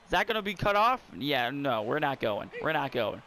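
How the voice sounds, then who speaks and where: A young man giving casual, excitable commentary while playing a baseball video game and talking to his viewers. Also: medium pitch, moderate pace, a little hiss or hum. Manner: excitable, talks to viewers and the screen. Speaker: gamer.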